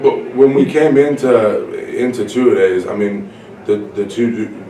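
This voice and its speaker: A hoarse man whose voice is nearly gone, a defensive coordinator, talks in a measured way in an interview, with many fillers. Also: mid-range voice, steady tone, warm tone. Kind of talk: casual interview. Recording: echoey and distant with crowd noise.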